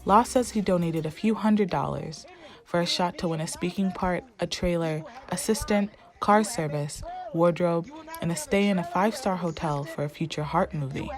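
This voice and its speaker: A woman reporter reading a scripted news voice-over in a steady, even way. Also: lowish voice, moderate pace.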